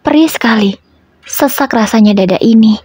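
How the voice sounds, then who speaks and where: A woman's voice: on the high side, moderate pace, darkish tone, husky, no echo. A woman narrating an emotional first-person story about her marriage, with an indignant tone.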